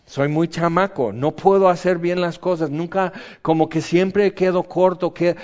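A man preaches with a high, lively voice. He acts out the quotes with sudden high yelps. The recording sounds dull and lo-fi. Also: measured pace. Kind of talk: sermon.

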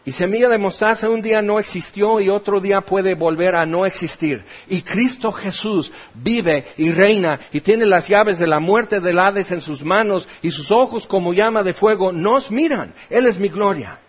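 A man's voice: sits high, moderate pace, few pauses. A middle-aged man with a Mexican accent preaching a sermon as pastor, impassioned and full of rhetorical questions. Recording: dull lo-fi recording.

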